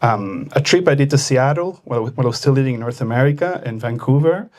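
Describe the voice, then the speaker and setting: A man from Argentina, an author in his thirties, speaking at a book launch in a thoughtful, hesitant way with many fillers and pauses. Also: medium pitch, expressive, a little mellow.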